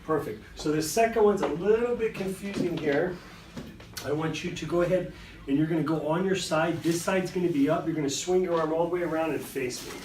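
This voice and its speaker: A man's voice: a little high, fairly quick, a little mellow, slight background noise. A man working as a chiropractor, casually talking a patient through a hands-on adjustment with short, reassuring instructions. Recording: echoey room, distant mic, music behind.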